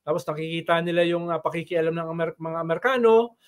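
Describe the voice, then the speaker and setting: High-pitched guy chatting politics, storytelling, keeps tagging his sentences with questions. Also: fast talker, clear, resonant tone. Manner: storytelling with frequent "no?" tag questions; animated, voice rises when quoting chants. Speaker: political commentator guest. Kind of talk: casual political talk.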